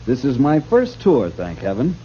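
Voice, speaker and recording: A man's voice: mid-range voice, huge pitch swings, moderate pace, dark tone, slight background noise. A man playing a stiff-necked army major in an old radio drama, speaking curtly and haughtily. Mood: stern. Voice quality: curt, haughty. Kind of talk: 1950s radio drama acting. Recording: muffled old radio broadcast.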